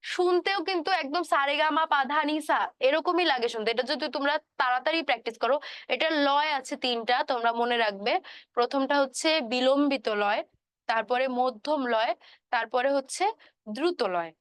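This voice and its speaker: A woman's voice: high-pitched, brisk, fairly bright tone, no room sound. A woman music teacher, giving a class lecture and singing scale notes to demonstrate. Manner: explains patiently, sings scale notes to demonstrate.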